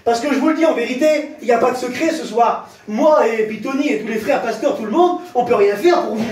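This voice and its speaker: A man preaching a fervent sermon to a congregation, speaking directly to them and rising into shouts. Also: very high voice, brisk. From France. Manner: impassioned, rises to shouts, addresses the crowd directly. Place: church. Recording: very echoey church hall, heard from a distance.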